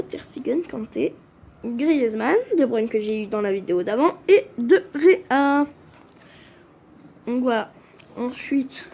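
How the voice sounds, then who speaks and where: A woman's voice: on the high side, mellow, a little hiss or hum. A woman giving casual commentary on a game video, hesitant and often stumbling over and correcting names. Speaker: gaming video creator. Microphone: phone screen recording.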